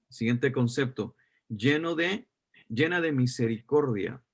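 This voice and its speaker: A man teaching a church course as a pastor, repeating his key phrases and putting questions to his listeners. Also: medium pitch. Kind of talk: sermon teaching.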